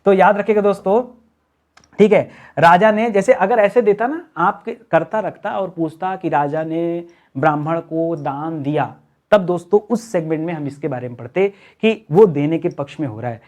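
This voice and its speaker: A man's voice: sits high, expressive, moderate pace. A man teaching a Hindi grammar lesson in a chatty, teasing way, asking questions and answering them himself. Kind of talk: online exam-prep lesson.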